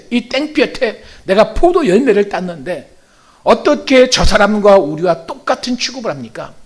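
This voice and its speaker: A man voicing an indignant day laborer loudly protesting that his pay is unfair. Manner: loud, protesting, raised pitch.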